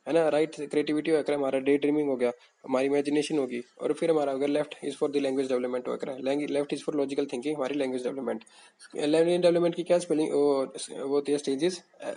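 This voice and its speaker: Male teacher, mellow slightly high voice, loose rambling revision delivery. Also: low-quality recording. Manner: casual, rambling, repeats key terms. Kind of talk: exam revision lecture.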